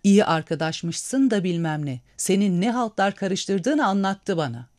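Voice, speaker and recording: A man voicing an angry young woman who shouts sharply at a drunk man in a read-aloud story. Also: mid-range voice, expressive, unhurried, dry recording, clean studio sound, voice pushed up, close to an everyday voice.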